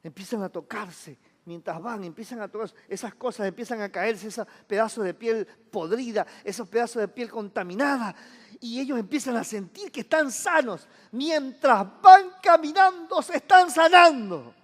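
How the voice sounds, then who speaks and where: A man's voice: sits high, normal speed, big-room sound. A man, a pastor preaching to his congregation in a chatty style, often asking them whether they follow along. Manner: conversational preaching, asks the congregation for agreement. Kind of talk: sermon. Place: church.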